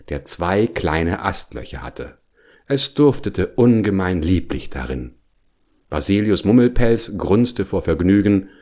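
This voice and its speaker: Guy with a low voice reading a kids' story, lots of up and down. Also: mellow. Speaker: narrator.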